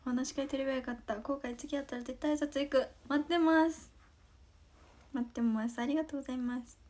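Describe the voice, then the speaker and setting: High-pitched yet darkish in tone, this teenage girl from Osaka, Japan, hosts an idol livestream. She giggles shyly in her Kansai accent while casually reading comments and thanking fans.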